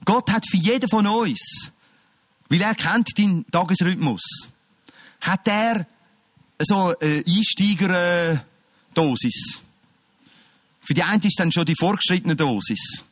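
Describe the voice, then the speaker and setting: A male preacher with a notably high voice. He speaks emphatically and addresses listeners directly, moving between loud calls and quiet, close passages. The sound is dry and close, with no room echo. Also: slow pace, long pauses. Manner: emphatic, swings from shouting to quiet. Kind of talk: sermon.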